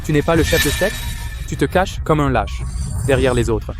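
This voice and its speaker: An actor playing an aggressive, scornful martial-arts fighter in a dubbed action drama. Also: male voice, medium pitch, lively intonation, normal speed, over loud music, natural voice.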